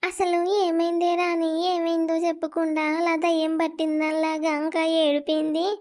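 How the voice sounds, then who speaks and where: A shrill scolding mother-in-law. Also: completely flat delivery, normal speed, darkish tone. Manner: scolding, cursing. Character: sharp-tongued village mother-in-law.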